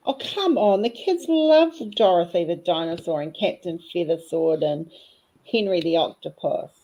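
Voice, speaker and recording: A woman talks through her craft session in a relaxed, rambling way. Her voice sits on the low side and she keeps slipping in cheeky asides. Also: moderate pace, dull audio. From New Zealand. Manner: chatty and cheeky, rambling fondly. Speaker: craft vlogger. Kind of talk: casual chat while diamond painting.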